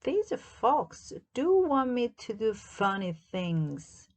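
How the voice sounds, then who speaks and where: A woman's voice: on the high side, big pitch swings, extremely slow, a little mellow, pitched above the performer's own voice, exaggerated voice. A woman voicing a cheerful, earnest, literal-minded housemaid from a children's storybook, with folksy, puzzled exclamations. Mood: puzzled, amused.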